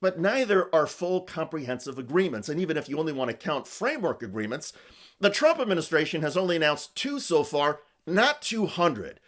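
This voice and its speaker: Animated man delivering political news commentary. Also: a little high, fairly quick.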